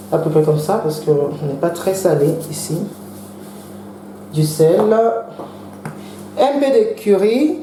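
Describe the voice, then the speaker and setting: A woman with a low, mellow voice walks through a home recipe in a relaxed tutorial style. She speaks casually and stops now and then to search for words. The echoey kitchen carries a faint background hum. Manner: chatty, explains each step with gentle asides. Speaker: home cook hosting a cooking channel.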